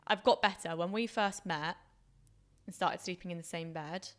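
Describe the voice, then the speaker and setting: A woman's voice: fairly low pitch, normal speed, a bit bright. A woman co-hosting a podcast, talking casually and unscripted with chatty, teasing banter. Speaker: podcast co-host.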